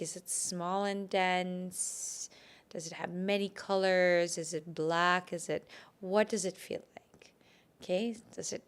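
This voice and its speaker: Slow, smooth-voiced woman guiding a visualization. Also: medium pitch. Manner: gentle, instructive, repeats phrases with rising emphasis. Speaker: podcast host. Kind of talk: guided visualization.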